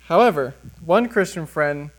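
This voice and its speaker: A man's voice: on the high side, animated, measured pace. A young American man giving a sermon with personal testimony as a first-time preacher, speaking plainly and earnestly. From United States.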